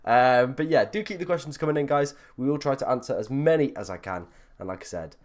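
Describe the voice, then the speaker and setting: A male livestream host talks in a chatty, informal way. His voice is croaky and froggy, as he is ill and under the weather. He is self-deprecating as he addresses his viewers. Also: medium pitch, fairly quick. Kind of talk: casual livestream chat.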